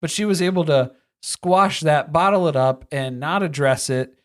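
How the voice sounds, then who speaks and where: A podcast co-host talking through a movie plot at a mid pitch. The delivery is loose and rambling, with dry jokes slipped in along the way. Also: normal speed. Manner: rambling, wry, drifts into side jokes. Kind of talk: casual movie recap chat.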